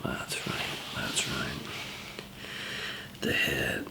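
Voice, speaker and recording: In an ASMR zombie apocalypse roleplay, a man plays a calm, easygoing survival trainer, improvising a monologue to the listener. He whispers softly in a gravelly, breathy voice, hesitant and halting, with a quietly instructive mood.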